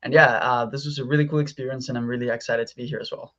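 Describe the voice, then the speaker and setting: A man's voice: mid-range voice, steady tone, racing, fairly bright tone. Young male youth delegate, earnest, filler-prone, muffled video call. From Mexico. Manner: earnest, frequent ums. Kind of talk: online presentation.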